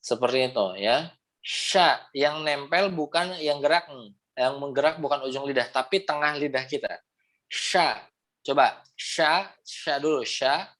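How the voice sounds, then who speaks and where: A man teaching pronunciation in an online class over a video call, patient and repetitive, modeling sounds slowly. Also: a little high, fairly bright tone. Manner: patient, repeats "seperti itu, ya" often, demonstrates sounds. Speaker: Quran recitation teacher.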